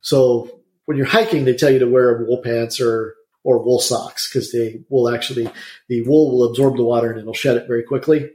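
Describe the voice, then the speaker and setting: A man, talking as a guest in a casual interview. He is an insulation contractor who rambles through his stories at a quick clip, and his mid-pitched voice bounces around an echoey room. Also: steady tone, mellow. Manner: chatty, rambling, quick storyteller.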